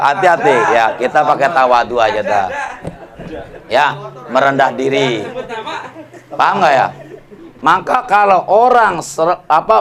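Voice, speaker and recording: Gravelly, joking preacher man. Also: medium pitch, fairly bright tone. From Indonesia. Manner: jokey, colloquial, asks audience for agreement. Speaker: Islamic preacher. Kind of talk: casual mosque study sermon.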